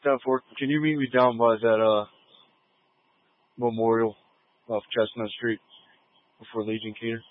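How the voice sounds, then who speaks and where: A man calling in over a two-way radio as an officer, brisk and clipped with call codes. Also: medium pitch, little pitch movement. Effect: two-way radio transmission. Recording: tinny narrow-band radio audio.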